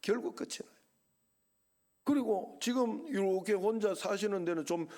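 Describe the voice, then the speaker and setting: A middle-aged male pastor with a Gyeongsang accent preaches from the pulpit in a fairly high voice. He keeps it conversational and often turns questions back to the congregation. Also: moderate pace, a little mellow. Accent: Gyeongsang Korean. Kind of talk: sermon. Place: church sanctuary.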